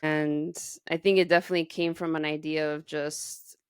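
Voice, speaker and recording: A Texas-raised American woman in her thirties hosts a podcast, chatting casually in informal speech full of "like." Her voice is low and level at a normal speed, with a clean, echo-free, studio-quality sound.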